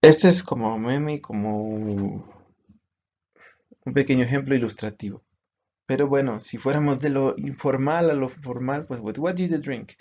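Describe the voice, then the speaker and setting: Slow, patient male English teacher. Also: mid-range voice, a little mellow, dull audio. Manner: slow, patient explanations, switching between Spanish and English examples. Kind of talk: explaining grammar to students.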